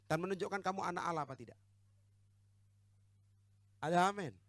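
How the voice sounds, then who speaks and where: A man's voice: sits high, fairly quick, fairly bright tone, no room sound. A man preaching a sermon as pastor, with an Indonesian accent, who calls out to the congregation for amens and teases them bluntly.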